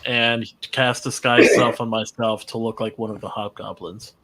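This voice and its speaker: A man's voice: on the low side, level tone, normal speed, a crowd in the background. A man chatting casually as a tabletop game player, thinking aloud with some hesitation.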